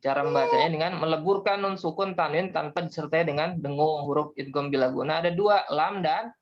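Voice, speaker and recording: In an online class lesson, a young man with a somewhat high voice speaks a little fast, patiently explaining things step by step and calling on students. The audio is dull and lo-fi.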